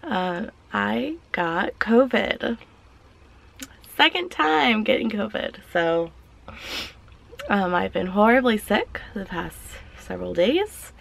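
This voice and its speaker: A woman in her thirties, hoarse and short of breath from illness, chatting apologetically to camera at home with many fillers. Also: medium pitch, animated, takes it slowly. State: hoarse, sick voice. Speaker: vlogger. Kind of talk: casual vlog chat.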